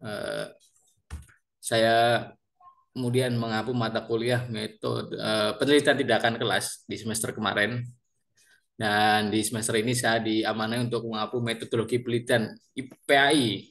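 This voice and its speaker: A university lecturer in his thirties from Central Java, Indonesia, introduces himself to his class chattily and politely, with many fillers and repeated words. He has a Banyumasan ngapak Javanese accent. His voice is fairly low, steady, and fairly bright, at normal speed with vocal fry.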